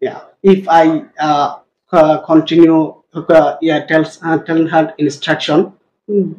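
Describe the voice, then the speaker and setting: A Bangladeshi student speaks very slowly in hesitant, broken English, filling gaps with "uh". His voice is slightly high. The room around him echoes. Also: little pitch movement, a little mellow, dull audio. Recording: echoey classroom.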